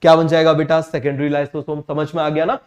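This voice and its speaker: Fast quizzing male biology teacher. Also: fairly high pitch, level tone, darkish tone. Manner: quizzing, repeats each answer, addresses students as beta. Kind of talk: fast call-and-response lecture to students.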